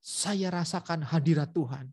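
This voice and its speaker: A man's voice: on the high side, moderate pace, breathy edge, no echo. A male preacher tells a personal story at an online prayer meeting, acting out the back-and-forth between people. He often speaks straight to his listeners. His voice sounds close and dry, with no room sound. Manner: lively storytelling, acting out dialogue; addresses listeners directly. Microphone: video call.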